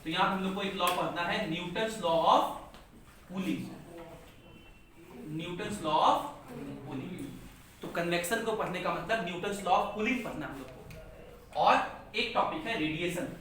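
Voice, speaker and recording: A man's voice: high voice, slow, long pauses, a bit bright. A male physics teacher lecturing a class, asking questions and repeating key terms. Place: large echoey classroom. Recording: echoey classroom from far off, faint noise.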